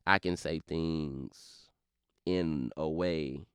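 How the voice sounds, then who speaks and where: Low, gravelly man with a Louisiana accent, fast slurred drawl, smooth, dry, full of fillers. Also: fairly even intonation, a bit bright, dry recording. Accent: Baton Rouge, Louisiana. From Baton Rouge, Louisiana. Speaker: rapper, interview guest. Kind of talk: casual interview talk.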